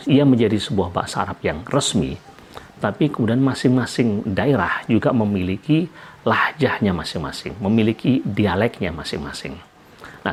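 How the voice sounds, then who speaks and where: A middle-aged man from Indonesia delivers an academic lecture in a husky, slightly breathy voice. His pitch rises and falls in lively swings as he explains, pausing on fillers and restating each point.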